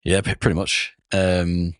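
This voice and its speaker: A man with a sore throat and a rough, hoarse voice, rambling casually as a podcast co-host. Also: low-pitched, little pitch movement, unhurried, dry recording, clean studio sound. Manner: rambling, with frequent restarts and "like". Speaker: podcast co-host, game master. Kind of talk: casual chat.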